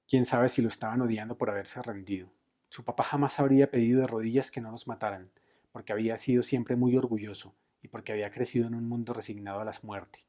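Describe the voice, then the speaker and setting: A man reading a novel aloud expressively, raising his voice for shouted lines. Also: on the low side. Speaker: book reader.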